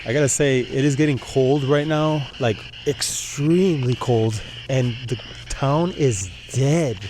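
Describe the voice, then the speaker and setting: A man's voice: mid-range voice, unhurried. Male ghost-hunt vlogger, noisy background. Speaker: vlog co-host. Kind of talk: paranormal investigation vlog. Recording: noisy ambient location sound.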